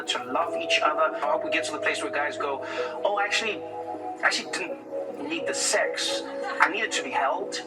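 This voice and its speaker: A man speaking earnestly in a played clip about intimacy, acting out quotes in quick asides. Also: on the high side, reverberant, distant mic.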